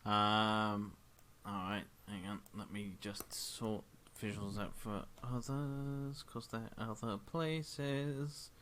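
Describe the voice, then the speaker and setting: A man acting as game master, narrating a tabletop game casually in a hesitant, halting way. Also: fairly low pitch, steady tone, a bit bright, slight background noise.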